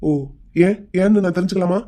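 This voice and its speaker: A voice actor playing a patient young groom who gently coaxes his bride to open up in a cartoon. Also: medium pitch, flat delivery, a little fast, natural voice. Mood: coaxing. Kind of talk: Tamil cartoon voice acting.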